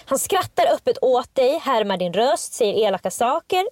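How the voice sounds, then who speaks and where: A woman's voice: fairly high pitch, sing-song, a little mellow, a little hiss or hum. A woman co-hosting a casual podcast, reading out passages from a book and commenting on them with emphasis. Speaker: podcast co-host.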